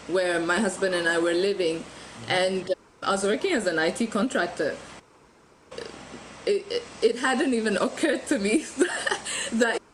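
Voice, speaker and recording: A chatty woman from Ethiopia talks as a podcast guest, laughing often and restarting her sentences. Her pitch sits in a middle range. A faint hiss runs under the recording. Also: poor audio. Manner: warm, chatty, laughs easily, frequent restarts. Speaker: guest photographer. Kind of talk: casual podcast interview.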